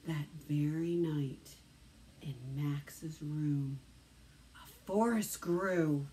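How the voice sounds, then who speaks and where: A woman reading a children's storybook aloud as a teacher, dramatically, with hushed phrases and drawn-out words. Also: deep voice, a little hiss or hum. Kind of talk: expressive children's storybook narration.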